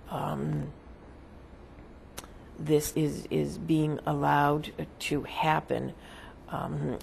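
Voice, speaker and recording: A seance medium channeling as a spirit, with a creaky voice, answering questions in halting, solemn, formal phrases. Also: mid-range voice, darkish tone, a little hiss or hum.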